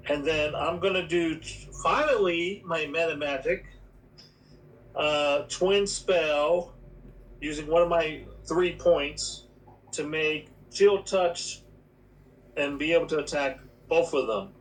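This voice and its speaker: A man playing a tabletop game, slow and deliberate, working through the rules aloud. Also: on the high side, far from the mic, low-quality recording. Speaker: player. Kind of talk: casual game talk.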